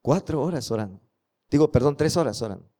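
A man's voice: mid-range voice, expressive, brisk, warm tone. A man preaching a sermon, telling stories and asking the congregation rhetorical questions.

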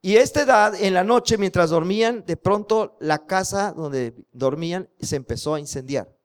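A man's voice: sits high, moderate pace, smooth. A man preaching a sermon, telling stories and asking the congregation rhetorical questions.

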